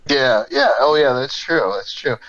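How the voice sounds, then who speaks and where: A man's voice: medium pitch, expressive, unhurried, a bit bright, highs cut off. A man in casual podcast chat, rambling along, swearing freely and laughing often. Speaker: podcast co-host.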